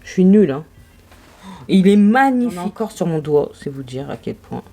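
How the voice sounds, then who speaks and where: A woman's voice: fairly low pitch, very animated, a little fast, dark tone, faint music behind. A young woman vlogging makeup swatches, gushing and exclaiming over each shade in casual chat. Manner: gushing, exclamatory, marvelling aloud. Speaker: beauty vlogger.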